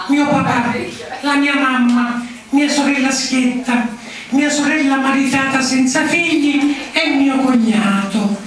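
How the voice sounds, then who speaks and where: A naive little schoolchild with a Sicilian accent in a live comedy act. The voice is very high and childish, reciting in a singsong. It rings out distantly in an echoey hall. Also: male voice, fairly bright tone. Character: naive little schoolchild reading a clumsy composition aloud. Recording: echoey hall, distant mic, audience noise.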